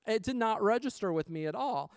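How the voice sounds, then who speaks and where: A man sharing a personal testimony in a casual storytelling sermon, animated and acting out quoted lines. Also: high voice, brisk, no echo, clean studio sound.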